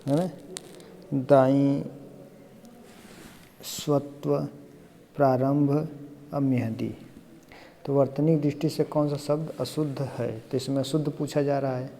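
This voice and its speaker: A man's voice: medium pitch, fairly even intonation, slow pace, pauses often, warm tone, big-room sound, slight background noise. A man teaching Hindi grammar for an exam, explaining each answer step by step and often asking "है ना?" to check along. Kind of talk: exam-prep lesson.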